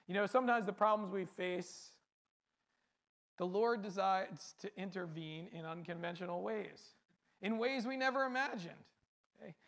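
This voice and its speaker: This man's voice sits high and has a fairly bright tone. He is preaching a sermon with earnest, repetitive cadence, often posing rhetorical questions.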